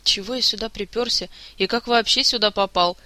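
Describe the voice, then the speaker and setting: A bitter, petulant young prince with a raised, piercing voice, as a man reading the story puts him on. He sulks and hurls accusations in a very bright, cutting tone. The sound is dry and close. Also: high voice, fairly quick, no room sound. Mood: sullen. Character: sulking young male prince, drunk and bitter.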